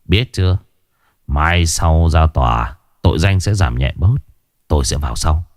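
A man voicing a cold ringleader giving low, curt orders. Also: lively intonation, measured pace, dry recording, studio quality. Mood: commanding. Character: cold commanding male ringleader.

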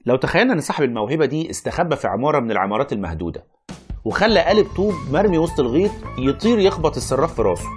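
A man's voice: on the high side, big pitch swings, racing, faint music behind. An actor playing a wry, reluctant, learned Egyptian man who argues, explains and narrates in a radio play. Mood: explaining.

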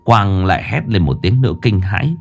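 A man narrating a ghost story with an expressive, storytelling delivery. His voice sits low but moves with lively rises and falls. Soft music plays faintly behind him. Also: fairly quick, vocal fry.

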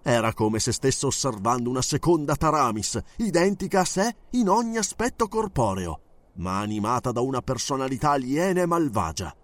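A man narrating an audiobook in a dramatic, expressive reading. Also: medium pitch, normal speed, dry recording.

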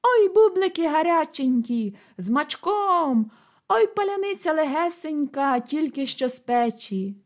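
A woman voicing loud female market hawkers calling out their bread rolls in a high, shrill voice. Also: expressive, measured pace. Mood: hawking.

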